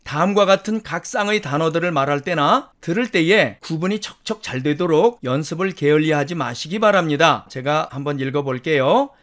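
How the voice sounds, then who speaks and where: A man teaching English pronunciation in a lecture, explaining slowly and deliberately and repeating practice words several times. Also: on the high side, expressive, a bit bright. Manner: slow, deliberate explanations with repeated word drills.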